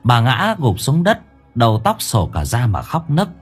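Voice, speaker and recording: A man narrating a horror audiobook in a dramatic, drawn-out storytelling manner. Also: medium pitch, huge pitch swings, breathy edge. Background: faint music.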